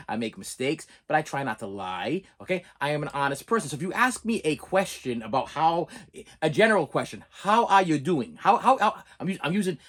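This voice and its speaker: A middle-aged man with a Boston accent and a slightly raised pitch rants casually. He talks in halting bursts, repeats words and phrases for emphasis, and keeps checking that he is being followed. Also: a bit bright, slightly rough. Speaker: vlogger. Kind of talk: casual spoken rant to camera.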